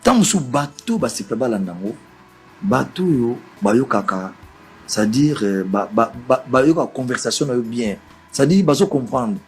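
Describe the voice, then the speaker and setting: A man's voice: medium pitch, big pitch swings, normal speed, soft background music, low-quality recording. A man, insisting in a press interview, switching between French and Lingala.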